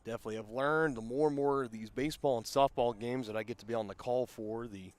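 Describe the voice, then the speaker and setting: A man doing play-by-play commentary for a high school baseball game, conversational and explaining rules at length. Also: steady tone, fast. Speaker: play-by-play announcer. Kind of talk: sports commentary.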